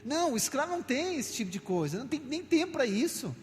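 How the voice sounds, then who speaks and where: A man preaching a sermon, questioning the congregation in a conversational way and at times building to loud, slow proclamations. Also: very high-pitched, very animated. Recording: long hall reverb with faint music.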